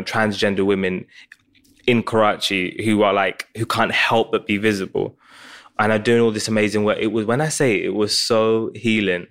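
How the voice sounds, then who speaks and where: A man, a comedian guest telling stories animatedly and joking in a casual interview. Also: lowish voice. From Pakistan, raised in England.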